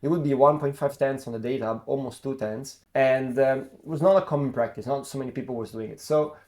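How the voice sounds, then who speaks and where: A man's voice: mid-range voice, brisk. Young man telling a racing story. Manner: lively anecdote-telling, acts out quoted dialogue; frequent restarts and self-corrections. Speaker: former racing driver and karting coach. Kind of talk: casual storytelling to camera.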